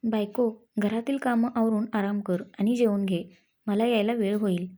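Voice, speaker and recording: Give me a coaxing, affectionate young husband, as a woman narrator reads him, soft and mellow. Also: medium pitch, steady tone, moderate pace, lightly acted. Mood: teasing. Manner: playful, coaxing.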